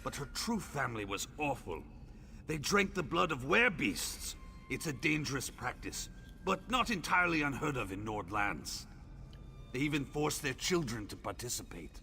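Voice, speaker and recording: A welcoming hunter with a bright, gravelly voice that swings high and low as he talks. His game dialogue is effusive and brotherly, with faint music underneath. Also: very animated, normal speed, a little hiss or hum, heavily acted. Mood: storytelling. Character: friendly eager male hunter, warm big brother.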